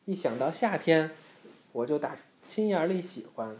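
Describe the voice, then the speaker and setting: A man's voice: medium pitch, lively intonation, moderate pace, mellow, close to an everyday voice. A man voicing a cheerful little male snowman while reading a bedtime story aloud, in a slightly raised storytelling tone. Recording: roomy echo.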